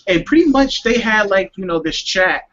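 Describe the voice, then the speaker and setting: A man's voice: high voice, animated, moderate pace, a bit bright. A man appearing as a guest on a podcast, talking loosely, joking and swearing freely. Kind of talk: casual podcast chat. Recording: dull lo-fi audio with faint noise.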